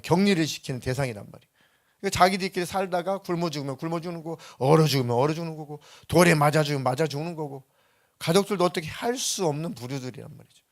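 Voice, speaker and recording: A male pastor preaches a Sunday sermon in a church. His voice sits fairly high. He drives each point home with emphatic delivery and rhetorical questions. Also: quick pace. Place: church sanctuary.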